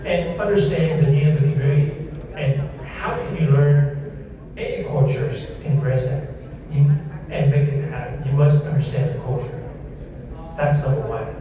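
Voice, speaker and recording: A man serving as mayor answers panel questions haltingly, repeating words and phrasing things loosely. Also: on the high side, steady tone, warm tone, highs cut off. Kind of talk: panel discussion remarks. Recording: long reverb, distant mic, crowd noise.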